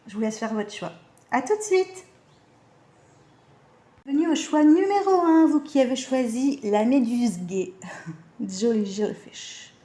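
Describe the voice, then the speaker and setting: Woman, casual card reader, mellow voice, echoey room, hesitant and chatty. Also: a little high. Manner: chatty, hesitant, many fillers and self-corrections. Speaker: animal communication card reader. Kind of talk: casual card-reading guidance.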